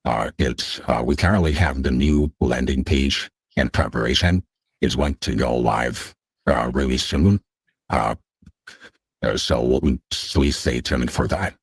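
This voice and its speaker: A man speaking as a guest through a voice changer that shifts his voice very deep, talking haltingly with many filler sounds in a casual online interview. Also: husky, dry recording, studio quality. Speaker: guest representing a project.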